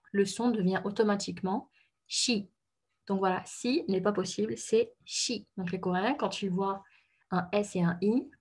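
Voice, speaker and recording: Husky-voiced woman explaining pronunciation. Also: medium pitch. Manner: patient, many fillers and self-corrections. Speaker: Korean language teacher.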